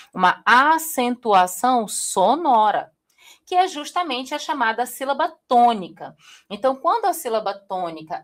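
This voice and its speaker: Woman, from Brazil, online teacher, lively, talks straight to viewers, checks in often. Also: mid-range voice. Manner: lively, addresses viewers directly, frequent "tá?" check-ins. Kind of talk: live online class.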